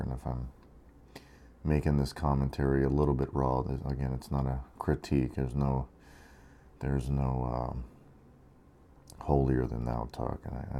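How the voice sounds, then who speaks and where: Tired from 23 hours awake, a man commentates on a strategy game in a loose, wandering way, dropping fillers often. His voice is very deep, gravelly, and dark.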